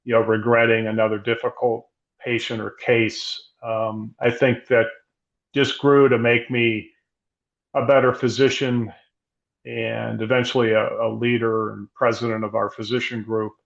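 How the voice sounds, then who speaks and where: A middle-aged man speaks as a guest in a reflective, measured way, often restarting his sentences. His voice is gravelly and even, with little rise and fall. The audio sounds dull and lo-fi. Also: medium pitch. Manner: measured, thoughtful, with frequent restarts. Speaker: guest, emergency physician. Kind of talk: reflective interview conversation.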